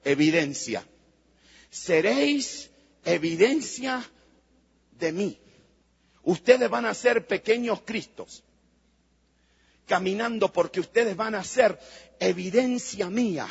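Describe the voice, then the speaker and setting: A male pastor preaches a fervent sermon with a strikingly high, gravelly voice and a breathy, husky edge. He keeps calling on the congregation to repeat phrases after him. The sound is dull and lo-fi, with a long reverb that hangs in the church hall. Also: animated, slow pace, pauses often.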